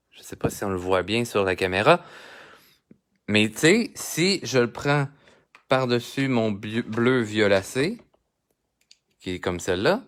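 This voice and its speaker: His pitch is fairly low and his tone a bit bright as this Québécois art instructor streams a drawing tutorial live. He colors as he goes and speaks directly to his viewers.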